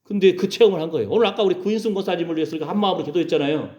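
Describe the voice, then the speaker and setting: A male pastor preaching a lively sermon, acting out quoted voices and calling for amens from the congregation. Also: high voice, racing. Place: church sanctuary. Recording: roomy church sound, dull lo-fi.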